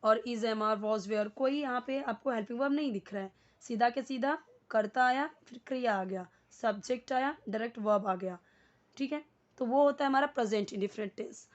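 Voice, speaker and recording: A woman's voice: a little high, dull audio. A woman from India with an Indian English accent, teaching an English lesson in a mix of Hindi and English, explaining patiently and often checking that students follow. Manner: explains slowly, often asks "ठीक है?" to check understanding; mixes Hindi and English in one sentence.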